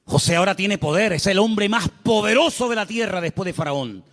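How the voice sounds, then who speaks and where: High-voiced pastor preaching in a hall. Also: male voice, expressive, a little fast, a bit bright, faint music behind. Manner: emphatic, dramatic preaching with rhetorical questions and humor. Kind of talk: sermon. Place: church, speaking from the pulpit. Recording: reverberant church hall.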